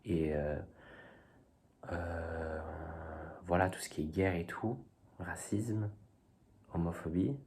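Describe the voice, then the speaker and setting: Young man, very low voice, casual vlog chat, hesitant, slangy, lots of fillers. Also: takes it slowly, long pauses, a little mellow. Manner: rambling and hesitant, youthful slang, many fillers. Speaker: vlogger. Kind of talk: casual talk to camera.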